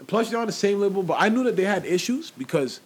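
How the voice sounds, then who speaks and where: A man who talks fast, tumbling through a casual story full of slang and false starts. His voice sits a bit higher than most men's, and he keeps slipping into little impressions of the people he's describing. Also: lively intonation. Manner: rambling storyteller, acts out quotes, lots of slang and restarts. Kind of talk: casual chat about hip-hop gossip.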